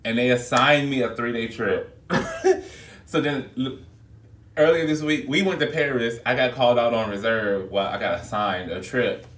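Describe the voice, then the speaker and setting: Recorded on a phone held some distance away in an echoey room, a man who's a flight attendant vlogger makes chatty, expressive conversation with viewers, addressing them as y'all. He has a mid-range voice and a moderate pace.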